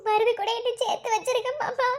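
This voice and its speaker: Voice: flat delivery, a little fast. A voice actor playing a young village woman in a cartoon, pleading through tears in a Madurai Tamil accent. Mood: tearful. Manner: tearful, pleading, high and thin. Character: young village woman begging to wed her love. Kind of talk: cartoon voice acting.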